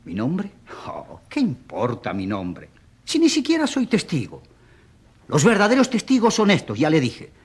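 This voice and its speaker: In a radio drama, an actor plays a stubborn provincial man who pleads, halting and insistent, on behalf of an accused priest. The mood is fervent, and his medium-pitched voice has a sing-song quality with a breathy edge.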